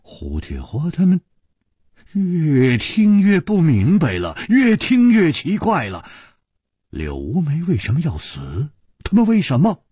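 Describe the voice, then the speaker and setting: A man's voice: wildly swooping pitch, dark tone, husky, no echo, clean studio sound. A male storyteller telling a martial-arts tale dramatically, stretching words out for emphasis. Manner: dramatic, swinging pitch, slow drawn-out emphasis. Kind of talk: traditional Chinese storytelling.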